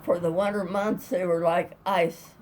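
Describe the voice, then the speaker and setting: A woman past the age of one hundred recalls her childhood in an interview, spinning casual, rambling stories in a folksy, plain-spoken way. Her voice sits fairly low with a darkish tone and fairly even intonation, and she talks a little slowly over slight background noise.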